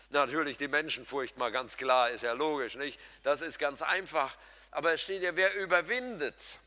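Male preacher with a bright, forceful voice, lively and humorous with his congregation, swinging loud to soft, recorded in a hall with a long reverb. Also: fairly high pitch, moderate pace. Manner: swings between loud emphatic and soft quiet passages. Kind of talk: sermon.

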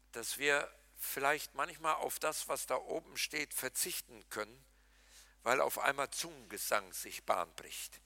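In a lively Pentecostal sermon, the pastor's bright, forceful voice ranges widely in pitch as he speaks directly to the congregation. He's animated, joking and laughing with them while also challenging them, and the audio is dry and close with no room reverb.

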